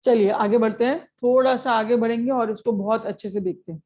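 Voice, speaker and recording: A woman's voice: fairly high pitch, fairly even intonation, a little fast, darkish tone. A woman teaching an exam-prep grammar lesson, explaining step by step and often checking with short questions. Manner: explains step by step, mixing Hindi and English.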